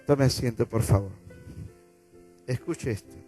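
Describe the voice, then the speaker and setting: A man's voice: mid-range voice, unhurried, warm tone, soft background music. A man with an Argentine accent preaching a sermon as pastor, repeating phrases and having the congregation say them back. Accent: Argentine Spanish. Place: church auditorium.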